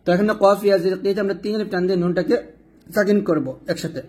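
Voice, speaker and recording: Man, Quran reading teacher, high voice, spells out syllables, slow drawn-out chanting of verses. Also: steady tone, darkish tone. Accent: Bangladeshi Bengali. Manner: spells letters and vowels syllable by syllable, then chants verses slowly.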